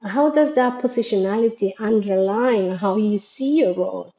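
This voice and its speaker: Speaking at a moderate pace, a Latin American woman with Spanish as her first language gives a thoughtful, earnest reflection that asks her listeners questions. She is an educator behind a school framework, and her medium-pitched, dark-toned voice sounds roomy with the highs cut off.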